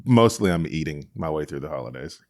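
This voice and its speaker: Guy co-hosting a podcast, really low voice, just chatting. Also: lively intonation, a little fast. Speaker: podcast co-host. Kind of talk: casual chat.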